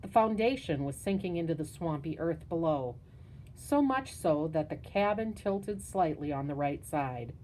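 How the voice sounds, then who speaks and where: A woman narrating a spooky children's story in a measured, hushed storytelling manner. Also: low voice, expressive, a little hiss or hum, poor audio. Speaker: audiobook narrator.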